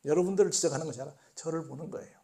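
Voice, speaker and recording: High-voiced, mellow-toned Korean pastor preaching. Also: male voice, rapid-fire. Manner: conversational preaching, asks the congregation questions and answers them; swings between loud emphatic bursts and quiet asides. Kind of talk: sermon at a Wednesday prayer meeting.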